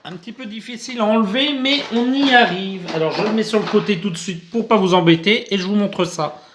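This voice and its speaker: Guy doing a chill unboxing vid, kinda high voice, lots of umms and little restarts. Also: brisk, noisy background. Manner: chatty, hesitant, many fillers. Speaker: unboxing channel host. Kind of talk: casual unboxing vlog. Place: indoors under artificial light.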